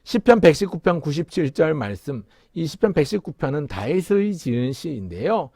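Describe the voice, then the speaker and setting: A man's voice: fairly high pitch, big pitch swings, normal speed, darkish tone, breathy edge, no room sound, clean studio sound. A male pastor giving a children's sermon in a sing-song way, leading the kids in call-and-response.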